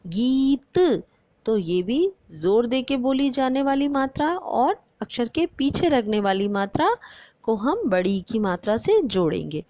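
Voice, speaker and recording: Slow, lively-voiced woman teacher. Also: a little high, no echo. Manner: slow and deliberate, stretching out example words; addresses the pupils often and asks them questions. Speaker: primary school teacher. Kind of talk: online grammar lesson for young children.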